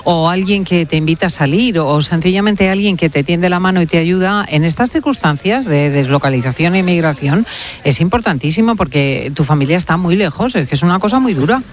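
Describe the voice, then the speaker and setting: A woman hosting a radio talk show from a studio, talking in an expressive, emphatic way. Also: lowish voice, brisk. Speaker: radio host.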